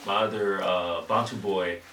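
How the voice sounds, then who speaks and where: A man hosts a podcast interview with an eager, chatty delivery and frequent affirmations. His low voice sits back from the mic in an echoey room with faint background noise. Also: fairly even intonation, measured pace, pushed and bright, recorded from a distance. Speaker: podcast host. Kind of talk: casual interview.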